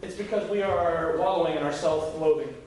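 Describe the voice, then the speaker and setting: Speaking a little fast in a slightly high, slightly mellow voice, a young youth pastor jokes his way through a casual sermon and voices the people he quotes. The church sanctuary sounds echoey and far away, with a slight hiss or hum on the recording.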